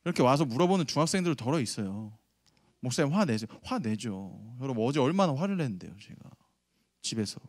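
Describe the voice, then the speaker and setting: A man in his thirties preaching a lively sermon to middle schoolers, telling a family story and asking the audience questions. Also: medium pitch, fast, dry recording, clean studio sound. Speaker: youth pastor. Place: church sanctuary.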